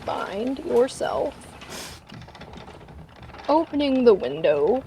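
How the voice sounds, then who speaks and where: A woman's voice: on the high side, very animated, extremely slow, dark tone, slight background noise. A woman running a tabletop game as game master, narrating in a casual, playful way.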